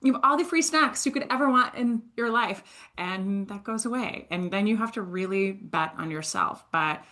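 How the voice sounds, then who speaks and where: A Swiss woman in her thirties, a sales entrepreneur appearing as a podcast guest, tells the story of her career in a casual way. Her mid-range voice moves at a moderate pace, and she's animated and self-deprecating, laughing often.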